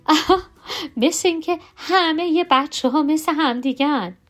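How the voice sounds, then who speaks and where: A woman's voice: very high-pitched, pitched above the performer's own voice. A woman doing a firm, weary mother. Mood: gentle. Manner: scolding, firm. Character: tired, firm mother of a noisy boy.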